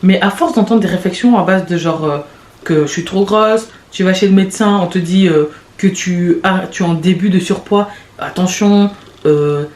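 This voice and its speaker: A woman in her late twenties hosting a podcast, talking in a rambling, confessional way with quick restarts and laughs. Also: on the low side, darkish tone. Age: late 20s. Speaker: podcast host. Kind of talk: casual confessional monologue. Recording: echoey room with faint background noise.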